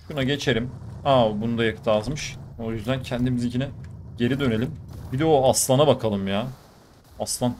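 A man's voice: mid-range voice, slight background noise. Chatty man commentating a shooter game. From Turkey. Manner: chatty, addresses viewers, bursts of excitement. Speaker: gaming YouTuber. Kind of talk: live commentary over mobile shooter gameplay.

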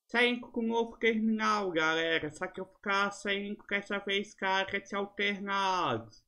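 A man with a Brazilian accent giving casual commentary as host of a flight simulator video. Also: high voice.

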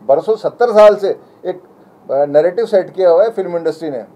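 Man at a press conference, high fast voice, insistent but chatty, mellow tone. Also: dull audio. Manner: insistent, appealing, conversational. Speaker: community representative at a press conference.

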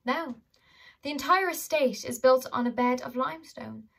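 A woman's voice: high-pitched, moderate pace, creaky, recorded from a distance. A woman voicing a clever young male schemer who speaks cool and precise.

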